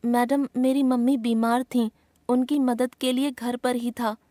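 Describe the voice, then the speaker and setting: A woman's voice: a little high, level tone, measured pace, dark tone, dry recording, voice pushed up, natural voice. A woman voicing a young schoolboy who politely explains himself to his teacher in a storybook lesson. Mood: apologetic.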